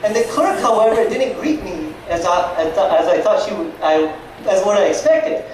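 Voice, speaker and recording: A young man with a high, sing-song voice of darkish tone tells stand-up stories at a normal speed, sounding hesitant and self-deprecating. It's an open mic at a nightclub, recorded from a distance amid echo and crowd noise.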